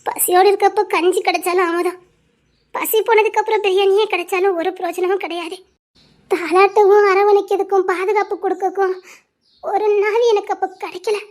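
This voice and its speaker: Give me a woman playing a bitter, tearful daughter with a Tirunelveli Tamil accent and an extremely high voice. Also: fairly even intonation, fairly quick. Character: hurt grown daughter rejecting her estranged father.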